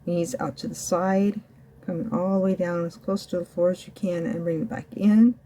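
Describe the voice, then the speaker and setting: A woman's voice: on the low side, steady tone, normal speed, dark tone. A woman working as a fitness instructor, coaching a home ab workout while demonstrating the floor exercises herself. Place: indoors at home.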